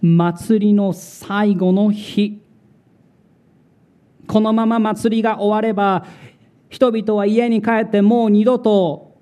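Pastor guy giving a sermon, highish warm voice, drawn-out emphatic delivery. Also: steady tone. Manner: slow, dramatic delivery with emphatic repetitions.

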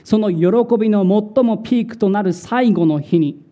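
A male pastor preaching a sermon in a slow, dramatic way, repeating words for emphasis. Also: high voice, mellow.

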